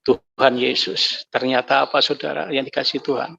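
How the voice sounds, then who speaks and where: Gravelly man giving an emotional testimony. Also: steady tone, normal speed, a bit bright. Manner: emotional, voice climbs high when recalling anger and grief. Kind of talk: personal faith testimony. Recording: dull lo-fi recording.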